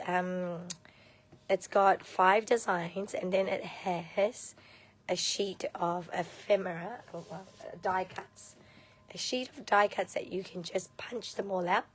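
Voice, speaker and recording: A woman with a hoarse, half-lost voice that breaks into whispers, chatting informally and hesitantly as she hosts a casual live craft tutorial. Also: lowish voice. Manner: informal, hesitant, thinking aloud. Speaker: craft demonstrator hosting a livestream.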